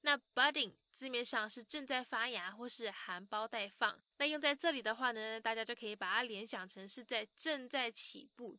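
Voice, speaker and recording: A woman hosting a language-learning show, explaining pronunciation in a lively, teacherly way and saying example words slowly. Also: fairly high pitch, no echo.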